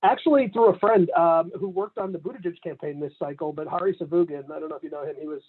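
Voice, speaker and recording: His voice is on the high side, fast and a bit rough, and the sound is phone quality. A Canadian campaign manager in his forties who grew up in Atlanta, he talks casually in a remote interview, laughing often between points and using plenty of fillers.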